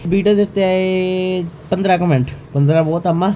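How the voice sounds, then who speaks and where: A man's voice: sits high, brisk, warm tone, rough recording. Playful male vlogger over background noise. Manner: playful, bickering, teasing. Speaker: vlog host. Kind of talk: casual chat to viewers and game banter. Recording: background noise, home ambience.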